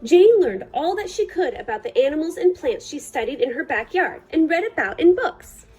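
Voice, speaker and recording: A woman reading a picture book aloud for children at storytime, with measured, deliberate phrasing. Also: high-pitched, sing-song, darkish tone, soft background music, low-quality recording.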